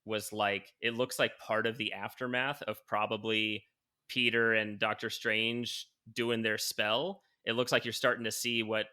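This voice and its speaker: A man's voice: fairly low pitch, sharp tone, smooth. A man co-hosting a podcast in casual chat, rambling with lots of fillers and swearing freely. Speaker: podcast co-host.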